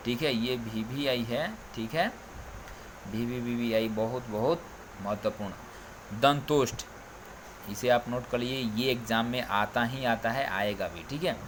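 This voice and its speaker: A male coaching teacher walks students through Hindi sounds, repeating each letter and checking in constantly. His voice sits at an ordinary middle pitch. A faint hiss of background noise runs under the recording. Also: a bit bright. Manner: drilling, repeats "ठीक है" often.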